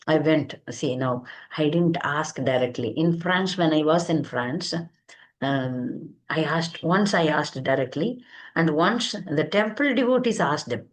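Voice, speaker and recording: Lower-pitched South Indian-accented woman. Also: poor audio. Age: middle-aged. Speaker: senior devotee and preacher. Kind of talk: informal spoken testimony.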